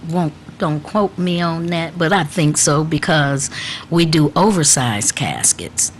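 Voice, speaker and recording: A woman's voice: deep voice, lively intonation, slow pace, a little hiss or hum. A woman guest on a talk show, explaining things emphatically in casual conversation. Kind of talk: casual studio chat.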